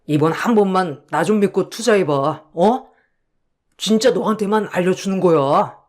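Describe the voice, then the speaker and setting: A man's voice: high-pitched, moderate pace, lightly acted. A man playing a smug, scheming con artist in a radio drama, coaxing an old school friend and then hurling abuse once he is caught. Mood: wheedling. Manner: wheedling and brazen, turns to abuse when caught.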